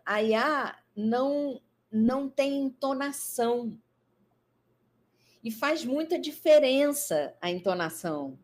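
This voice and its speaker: A woman, a psychologist in a live interview, explaining her ideas thoughtfully with frequent fillers. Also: mid-range voice.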